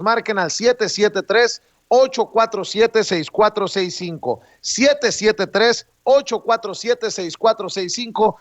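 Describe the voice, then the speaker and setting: A male show host reading out phone numbers slowly and greeting viewers during an interview. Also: high voice, no echo, dull audio. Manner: slow, deliberate reading of phone numbers, friendly shout-outs. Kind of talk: interview hosting with promotional call-to-action.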